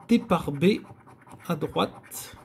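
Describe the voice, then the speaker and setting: A man's voice: a little high, expressive, drawn-out words, vocal fry, a little mellow, slight background noise. A man hosting a scratch-card video, giving chatty, theatrical commentary to his viewers as he scratches. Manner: chatty, theatrical, addresses viewers, frequent groans. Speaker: host.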